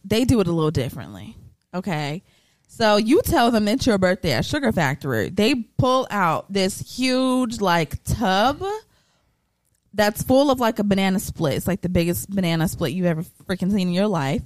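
A woman's voice: medium pitch, moderate pace, dry recording. Chatty woman podcast host, dry sound. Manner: animated, chatty storyteller with frequent laughs and profanity. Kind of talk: casual chat.

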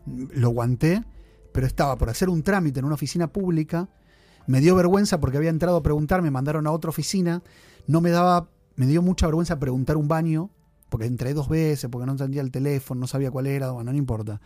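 A man's voice: a little high, quick pace, dark tone, dry recording, soft background music. A man co-hosting a casual chat, telling long rambling confessional stories. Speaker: podcast co-host.

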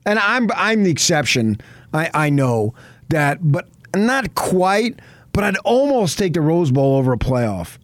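A middle-aged radio host with a New Jersey accent, who later lived in Arizona, talks sports unscripted in a rambling, emphatic, conversational style. His voice is a little high and sing-song, unhurried, with no room sound.

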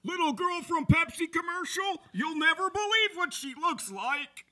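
A man's voice: extremely high pitch, animated, moderate pace, full character voice. A man doing a pushy, glitchy spam robot. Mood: robotic pushy. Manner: clipped robotic shouting of spam lines. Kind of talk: improvised comedy podcast.

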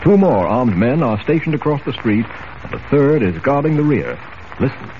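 A man narrating a 1940s radio drama in a measured storytelling manner, heard as an old radio show broadcast. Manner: measured storytelling, lively pitch. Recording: lo-fi old radio recording with faint hiss.

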